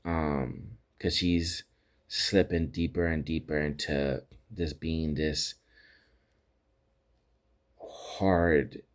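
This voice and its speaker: Male podcast host, very low voice, loose rambling episode recap. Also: fairly even intonation, extremely slow, long pauses. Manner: rambling retelling with many restarts and quoted lines. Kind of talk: casual recap chat.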